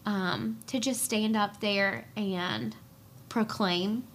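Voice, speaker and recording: A young adult woman, a worship leader and pastor's wife, earnestly and emotionally recounting her faith journey in conversation, pausing often with "um". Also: medium pitch, steady tone, fairly bright tone, a little hiss or hum. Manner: earnest and emotional, with frequent "um" pauses. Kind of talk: personal storytelling in conversation.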